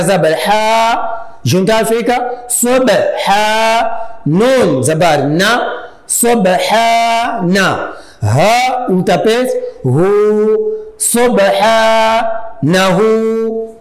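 A man with a Mozambican Portuguese accent teaches Quran reading, sounding out each letter and vowel mark in turn. His voice sits high for a man, and he speaks very slowly. The room around him is roomy and echoing. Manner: spells letters and vowel marks one by one, with drawn-out syllables. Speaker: Tajwid teacher. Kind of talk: slow spelled-out Quran reading lesson. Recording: echoey room.

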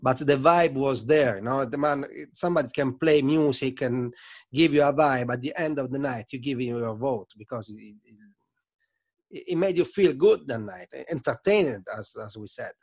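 Speaking from a home studio room full of record shelves, an Italian sound system selector in his thirties recounts stories in a relaxed interview over video call. He's animated and gestures a lot, with an Italian accent and non-native phrasing. A desk mic picks up his medium-pitched voice at a moderate pace.

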